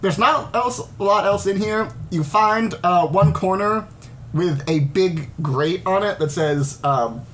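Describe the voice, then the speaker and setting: A man with a high voice for his sex acts as game master. He narrates a tabletop game in a casual, conversational way, with faint noise behind him. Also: measured pace, fairly bright tone.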